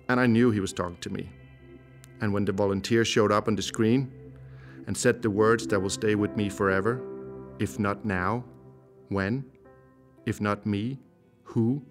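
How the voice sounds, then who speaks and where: A man in his forties from Denmark, a native Danish speaker, reading a measured, reflective testimony. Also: on the low side. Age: 40s. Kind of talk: scripted testimony narration. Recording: voice-over with guitar music behind.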